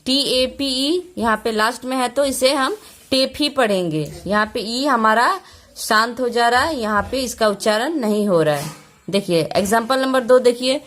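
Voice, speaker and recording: A woman teacher, patiently explaining pronunciation rules, repeating each point and spelling out letters slowly. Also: fairly high pitch. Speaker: English teacher.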